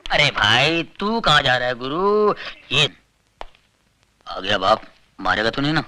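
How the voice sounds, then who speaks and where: A smooth-talking Bombay street guy. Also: mid-range voice, unhurried, slight background noise, full character voice. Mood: wheedling. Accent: Bombay street Hindi. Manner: flattering, wheedling, joking.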